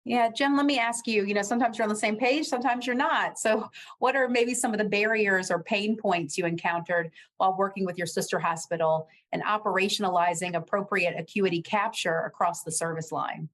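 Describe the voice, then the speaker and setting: A woman hosting a professional podcast, asking measured, friendly questions of her guests. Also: medium pitch, steady tone, fairly bright tone. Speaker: podcast host. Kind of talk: podcast interview.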